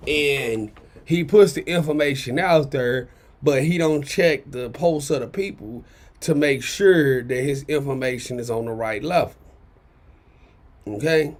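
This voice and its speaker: A commentary channel host with a raspy baritone rants in casual commentary, a little slow, blunt and profane. He drives points home with a repeated "okay?".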